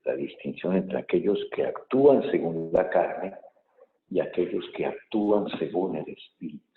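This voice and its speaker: A low-voiced priest speaks in a measured, thoughtful way, his words ringing in a long cathedral echo. The sound is thin and tinny, as if heard over a phone line. He pauses and hesitates now and then as he preaches. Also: animated, a little hiss or hum. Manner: measured reading, thoughtful homily with pauses and fillers. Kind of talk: Mass reading and homily. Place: large church. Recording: echoey church hall, tinny phone-like sound.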